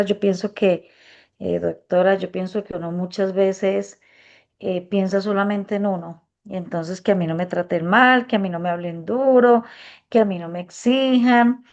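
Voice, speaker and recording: A woman speaks up at a workshop, reflecting earnestly in a deliberately soft, gentle voice. She hesitates often, filling gaps as she thinks aloud. The recording is dull and muffled. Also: mid-range voice. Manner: speaks softly and gently on purpose. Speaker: workshop participant. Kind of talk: spontaneous testimony.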